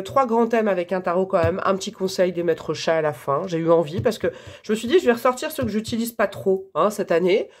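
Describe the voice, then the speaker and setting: A woman's voice: mid-range voice, darkish tone. A woman reading tarot for her viewers in a chatty, casual way, with many fillers and frequent laughs. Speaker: tarot reader.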